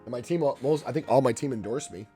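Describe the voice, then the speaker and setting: A congested man with a medium-pitched, mellow voice talks fast as he paints in his home art studio, soft music playing behind him. A painter and livestreamer, he chats casually and rambles with his live chat, restarting often and tossing asides to viewers.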